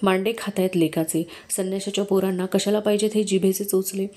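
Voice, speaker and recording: A woman's voice: medium pitch, steady tone, fairly quick, dark tone, close to an everyday voice. A woman reading aloud and voicing a stubborn, spiteful older village man who gives curt commands. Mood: scheming.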